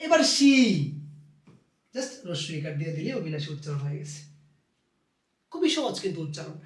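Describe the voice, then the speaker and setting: A man teaching a pronunciation lesson, addressing students fondly and slowly repeating each rule. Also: high voice, a bit bright, recorded from a distance. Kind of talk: recorded Bangla pronunciation lesson. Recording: echoey room, voice off-mic.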